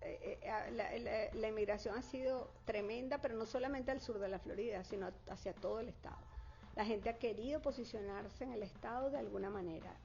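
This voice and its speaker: A woman speaks fairly quickly in a fairly high, gravelly, darkish voice as she answers interview questions about being a real estate consultant in Florida. Spanish is her first language, and although she's fluent, she often uses fillers and restarts. The lo-fi recording sounds dull.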